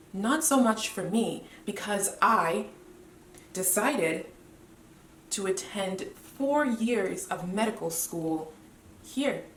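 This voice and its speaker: A woman's voice: medium pitch, far from the mic, a little hiss or hum. Earnest young woman in a roomy space. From Cameroon. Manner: measured and earnest, with deliberate pauses. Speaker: medical student. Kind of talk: motivational personal speech. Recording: roomy echo, voice away from the mic.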